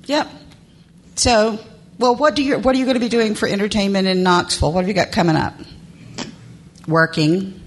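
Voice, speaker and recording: A woman's voice: mid-range voice, moderate pace, pauses often, a little hiss or hum. A woman from Tennessee hosting a podcast, chatting casually and laughing often. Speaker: podcast host. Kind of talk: casual chat.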